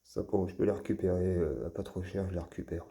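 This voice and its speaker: Male vlogger, gravelly, dark-toned voice, unhurried, hesitant delivery while presenting toy finds. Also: deep voice, steady tone. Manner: halting, with frequent fillers and restarts. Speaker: toy car collector and channel host. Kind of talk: casual show-and-tell vlog.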